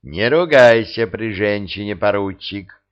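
A man's voice: mid-range voice, big pitch swings, slow, muffled recording, pitched above the performer's own voice. A man doing a jeering partisan sergeant. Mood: needling. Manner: jeering, loud. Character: brash mocking male partisan sergeant.

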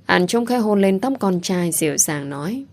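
A woman reads a family story aloud in calm, even narration. Her voice is fairly low for a woman and unhurried. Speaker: audiobook narrator. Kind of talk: scripted narration.

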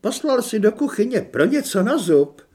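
A nervous, guilty theatre manager spills out his excuses in a pushed-up, loud, bouncy voice, as a male narrator puts him on. He rambles and chatters. It comes from a storybook reading. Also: high voice, very animated, voice pushed up. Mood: flustered.

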